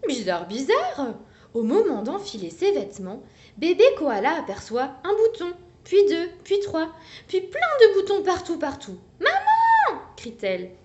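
Animated sing-song woman reading to kids. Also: high-pitched, measured pace, muffled recording. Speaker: children's story reader. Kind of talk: reading a picture book aloud for children.

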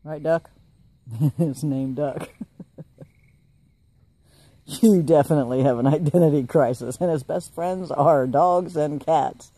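A man's voice: fairly high pitch, slow, long pauses, dark tone, no echo. A man at home chatting to the camera and cooing at his pet goose, teasing and laughing as he goes. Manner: chatty, teasing, laughs often, coos at the bird. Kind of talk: casual chat to camera and pet. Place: at home, outdoors by the driveway.

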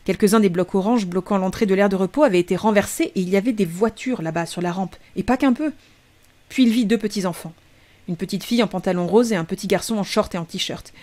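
A woman streamer reading a short story aloud in a measured, steady narration. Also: mid-range voice. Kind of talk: audiobook reading.

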